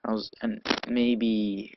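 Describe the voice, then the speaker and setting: A man's voice: lowish voice, flat delivery, slow, noisy background. A man casually narrating his own gameplay, rambling and chatty, with restarts and sleepy yawns, on a cheap amateur mic. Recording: dull lo-fi home recording.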